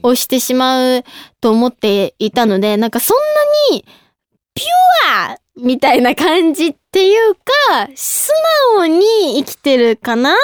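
A young woman hosting a casual radio talk show, reading listener mail with a bubbly, giggly, animated manner. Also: high-pitched, a little slow, no echo, studio quality. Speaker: idol radio host.

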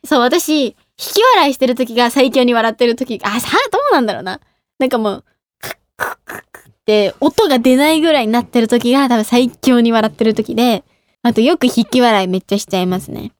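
A woman's voice: a little high, a little fast, dry recording, studio quality. A woman in her twenties hosting a radio show in casual, giggly talk, often laughing at herself. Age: 20s. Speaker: radio show host and idol.

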